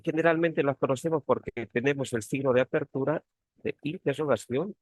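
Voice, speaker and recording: A man's voice: mid-range voice, creaky, dry recording. A man, a teaching assistant, giving an online grammar lesson, explaining patiently and often tagging phrases with questions. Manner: explanatory, frequent tag questions.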